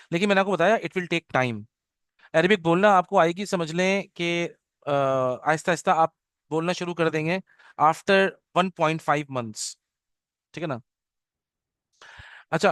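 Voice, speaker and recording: A man's voice: high voice, a bit bright, dry recording, clean studio sound. A middle-aged man teaching an online class orientation, switching between Urdu and English and checking in with his students often. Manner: mixes English into Urdu, keeps checking with "okay?". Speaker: Arabic teacher. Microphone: video call.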